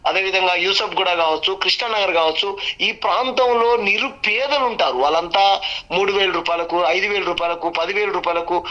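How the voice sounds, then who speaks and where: A man's voice: sits high, level tone, a little fast, sharp tone, muffled recording. A man with a Telangana Telugu accent giving an emphatic political campaign speech in an interview, building points through repeated lists. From village in Telangana, India. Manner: emphatic, repetitive, list-building oratory. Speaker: election candidate giving an interview.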